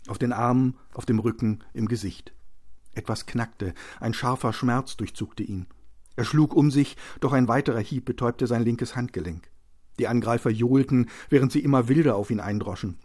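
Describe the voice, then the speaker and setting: A man reading a novel aloud as an audiobook narrator, with steady, tense storytelling. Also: mid-range voice, moderate pace. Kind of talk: scripted narration.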